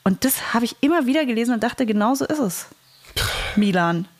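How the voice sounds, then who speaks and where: A woman's voice: on the high side, expressive, fairly quick, a little mellow, no room sound. A woman co-hosting a podcast in casual chat, blunt and reflective with a teasing edge. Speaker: podcast co-host.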